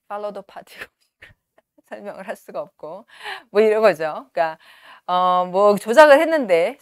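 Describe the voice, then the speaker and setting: A woman in her forties teaching in a studio, reading passages slowly and clearly, then explaining in quick asides. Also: mid-range voice, dry recording. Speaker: English teacher. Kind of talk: lecture on a novel, reading lines aloud and explaining. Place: studio with a virtual backdrop. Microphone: lapel mic.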